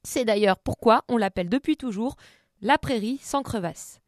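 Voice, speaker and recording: A woman's voice: on the high side, normal speed, no echo, clean studio sound. A woman hosting a comic radio show, telling a story in a playful, mock-earnest way.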